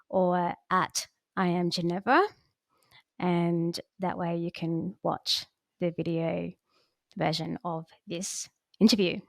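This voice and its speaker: A woman's voice: on the low side, no room sound. Giggly woman podcast host, dry sound. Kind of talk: casual interview chat.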